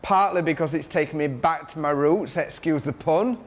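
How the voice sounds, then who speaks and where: A man with a Yorkshire accent talks with enthusiasm and pride in a news interview. He works as a hairdresser. His voice sits a little high. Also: normal speed. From Yorkshire, England. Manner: enthusiastic, proud. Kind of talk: interview soundbite.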